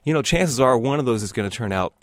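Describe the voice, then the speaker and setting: A man hosting a call-in radio show, chatting in a relaxed, conversational way. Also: mid-range voice, fast, no echo, studio quality. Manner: conversational, easygoing. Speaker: radio host. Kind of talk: casual call-in radio chat. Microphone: studio microphone.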